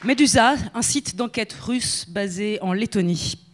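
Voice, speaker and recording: A woman's voice: mid-range voice, unhurried, noisy background. A woman hosting an award ceremony, announcing nominees and winners. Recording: music and crowd behind voice.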